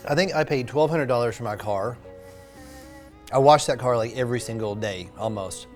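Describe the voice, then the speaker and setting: An easygoing man in his oral surgery office chats through a hot wings challenge, ending thoughts with a casual "right?". He is clearly feeling the burn of the spicy food, and faint music plays behind him. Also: medium pitch, normal speed. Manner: easygoing, tags lines with "right?". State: suffering from spicy food heat. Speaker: oral surgeon, show host.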